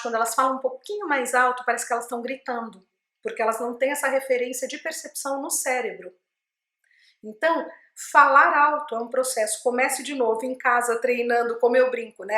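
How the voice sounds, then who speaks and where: A middle-aged woman with a Brazilian Portuguese accent, a speech therapist who teaches voice to camera in an expressive way and often asks the viewer questions. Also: high-pitched. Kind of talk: instructional video talk to camera. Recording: echoey room.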